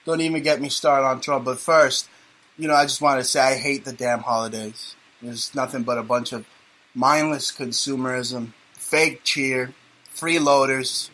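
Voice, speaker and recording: Sardonic talk radio host, bright voice. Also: male voice, mid-range voice, steady tone, moderate pace, rough recording. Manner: rambling, sardonic, joking. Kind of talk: casual talk radio banter.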